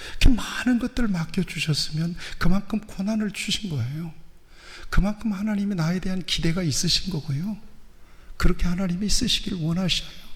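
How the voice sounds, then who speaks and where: A male pastor giving an earnest sermon, questioning the congregation and slowing down when he reads scripture. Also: high-pitched. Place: church sanctuary. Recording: long reverb of a church hall.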